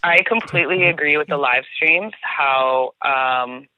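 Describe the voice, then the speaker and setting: A woman with a low voice and a New Jersey accent joins a casual podcast chat as a guest who works as a tour guide, speaking at a measured pace over a tinny phone line. She's upbeat, rambling and chatty, restarts often, and says "like" a lot.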